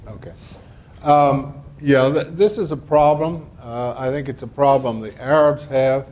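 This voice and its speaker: An older man, a former diplomat on a panel, answers an audience question through a panel microphone, telling anecdotes with wry asides and acting out the exchanges he quotes. His mid-range voice is a little mellow, with fairly even intonation and an unhurried pace.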